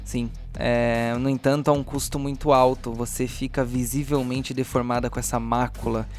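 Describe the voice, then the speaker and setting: A Brazilian man game-masters a horror tabletop game, shifting between dramatic narration and casual, slangy asides. His voice is medium in pitch and darkish, with a level tone and moderate pace. Music plays behind him.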